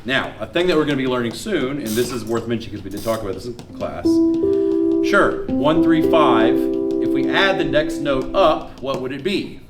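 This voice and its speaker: A man's voice: medium pitch, moderate pace, recorded from a distance. Male music teacher in a roomy classroom. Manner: energetic, quizzing students, counting notes aloud. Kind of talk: classroom lecture. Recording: roomy classroom with guitar behind.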